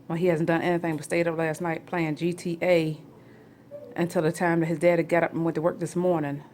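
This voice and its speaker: A woman in her forties chatting at home in a rambling family vlog, now and then rising into loud, excited bursts. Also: lowish voice, a little hiss or hum. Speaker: family vlogger. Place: home, near the kitchen.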